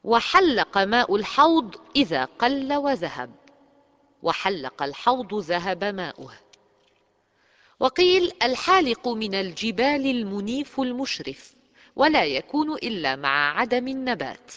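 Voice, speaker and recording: A teacher giving a scripted lesson, reading dictionary entries in a measured, precise way. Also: medium pitch, big pitch swings, a bit bright, muffled recording. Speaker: Arabic language teacher. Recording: long hall reverb.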